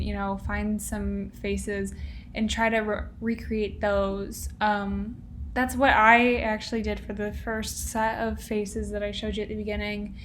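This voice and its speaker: A woman's voice: medium pitch, a little hiss or hum. A young woman hosting a casual step-by-step drawing lesson, chatty and playful, with lots of "like" and "um". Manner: chatty and playful, many fillers like "like" and "um". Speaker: drawing tutorial host.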